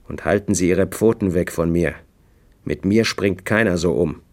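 A man with a deep, gravelly voice voicing a proud, scornful servant who is quick with a knife, in an audiobook. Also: darkish tone. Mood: sneering. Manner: sneering, scornful.

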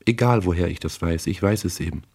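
A cool, sharp-tongued wealthy woman speaks in a clipped, cold way in an audiobook, as a man puts her on. Her voice stays very deep and reproachful. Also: a little fast, gravelly, slightly rough, full character voice.

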